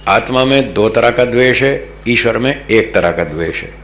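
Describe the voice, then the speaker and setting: A man's voice: mid-range voice, lively intonation, moderate pace, a bit bright. A man from Delhi giving a religious philosophy discourse as a spiritual teacher, patient and explanatory, repeating key terms. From Delhi, North India. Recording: echoey hall with faint hum.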